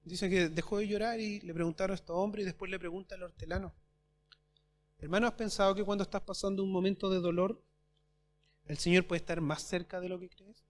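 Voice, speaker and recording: A man preaching a sermon as pastor at a church service, asking his congregation rhetorical questions and swinging between loud and soft. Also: high-pitched, fairly even intonation, a little fast. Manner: addresses congregation as brothers.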